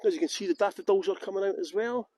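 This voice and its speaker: A man's voice: high-pitched, fast talker, dry recording. A man from West Yorkshire giving a chatty, joking walking tour outdoors in large public gardens. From England (West Yorkshire). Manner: chatty, joking, lively asides. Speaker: tour guide. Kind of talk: live-streamed walking tour talk.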